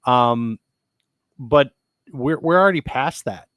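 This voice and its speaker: A man co-hosting a podcast, chatting casually and rambling with frequent restarts as he talks excitedly about sci-fi technology. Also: medium pitch, slow pace, no room sound. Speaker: podcast co-host. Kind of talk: casual chat.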